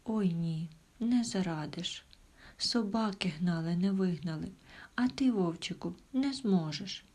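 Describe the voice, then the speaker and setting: A timid little hare boy, as a woman storyteller puts him on, talking in a breathy, half-whispered plea. His husky, hushed voice stays tearful and small, as in a children's storybook reading. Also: fairly low pitch, measured pace. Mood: tearful pleading.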